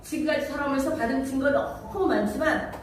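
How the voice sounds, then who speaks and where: A woman's voice: sits high, a little fast. A woman pastor delivering an emphatic sermon, asking her congregation rhetorical questions and at times singing hymn lines. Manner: sings hymn lines and leads congregation in reading. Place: church sanctuary. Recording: very echoey room, from far off, faint noise.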